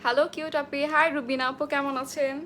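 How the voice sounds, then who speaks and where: A woman's voice: high voice, little pitch movement, fast, bright, forceful tone, a little hiss or hum. A young woman from Bangladesh, a makeup artist, chatting through a live makeup tutorial, greeting viewers by name and mixing in English phrases.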